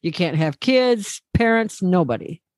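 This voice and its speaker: A woman's voice: fairly low pitch, expressive, measured pace, darkish tone, dry recording, clean studio sound. A middle-aged woman in casual chat, telling a story and laughing often.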